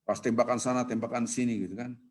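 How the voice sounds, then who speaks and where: A man preaching in a mosque in a lively, colloquial way, reciting Arabic scripture and acting out the people in his examples. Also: mid-range voice, quick pace. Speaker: Islamic preacher. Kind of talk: casual preaching.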